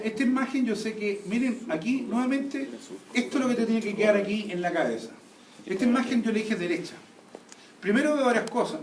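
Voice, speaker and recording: A man teaching an anatomy class, constantly quizzing students with check questions. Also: high-pitched. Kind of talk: classroom lecture. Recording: echoey room, taped from a distance, faint noise.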